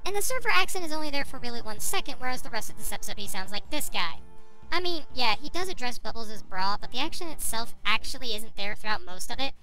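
A woman's voice: on the high side, very animated, fast, pushed and bright, soft background music, low-quality recording. A woman reviewer giving a sarcastic, argumentative commentary rebutting another video.

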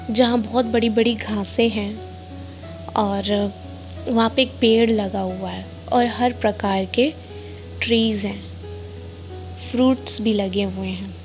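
A woman with a somewhat high voice retells a classic ghost story in a relaxed, conversational way, quoting the characters in her own voice. The recording sounds dull and lo-fi, with faint music underneath. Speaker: storyteller summarizing a novel.

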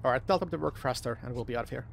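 Over game voice chat with background noise, a man talks tactics as a squad member in a military simulation game, switching between Finnish and English. His medium-pitched voice races along with vocal fry.

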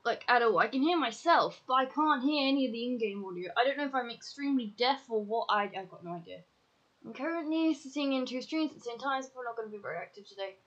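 A woman's voice: fairly high pitch, expressive, quick pace, a bit bright, highs cut off. A woman chatting casually on a game live-stream, scattered, talking to herself and swearing casually.

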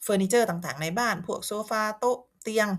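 A woman's voice: medium pitch, lively intonation, fast. A woman from Thailand teaching a language lesson, explaining vocabulary patiently and repeating words to model how they sound.

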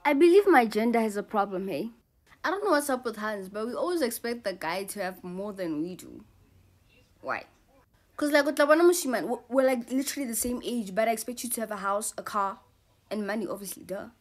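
A woman's voice: fairly high pitch, lively intonation, brisk. Young South African woman, chatty comic rant. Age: young adult. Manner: chatty, teasing, mixing in local phrases. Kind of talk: casual comic monologue.

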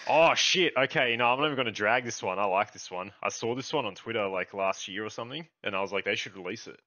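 A young man with a lowish, bright, forceful voice chats casually with his viewers and swears without a second thought. The sound is dry and a bit dull, like a cheap close microphone. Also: fast talker, no room sound. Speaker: YouTube host. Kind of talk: casual gaming chat.

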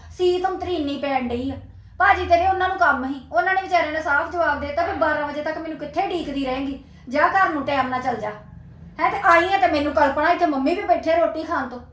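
A woman's voice: extremely high pitch, a bit bright, echoey room. A woman with a Punjabi accent, acting an angry, reproachful younger sister-in-law in a scripted family drama.

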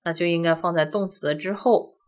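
A woman's voice: on the low side, fairly even intonation, moderate pace, a little mellow. A woman teaching a grammar lesson, walking through each point step by step and often asking rhetorical questions. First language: Chinese. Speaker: language teacher. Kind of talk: classroom-style grammar lesson.

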